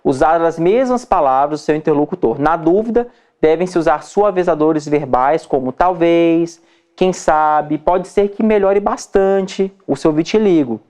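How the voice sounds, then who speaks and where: A man's voice: fairly high pitch, measured pace, darkish tone. A man with a Brazilian Portuguese accent, a dermatologist teaching other doctors in an informal lecture, chatty and checking in with his listeners often. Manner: chatty, checks in with frequent "tá?" and "entendeu?"; acts out examples with shifting voice.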